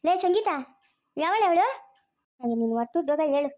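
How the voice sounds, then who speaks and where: A woman playing a sharp-tongued grandmother who scolds her daughter-in-law, speaking rural Chikkaballapur Kannada. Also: high voice, steady tone, close to an everyday voice. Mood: scolding. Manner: scolding, rapid and raised. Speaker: grandmother character. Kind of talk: family drama acting.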